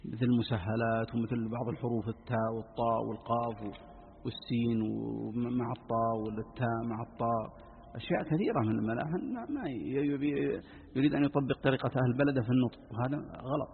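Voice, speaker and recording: A man, a sheikh explaining Quran recitation rules to students in quick asides. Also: medium pitch, fairly even intonation, creaky, slight background noise. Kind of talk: lesson commentary on a text. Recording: tinny phone-like line, long reverb.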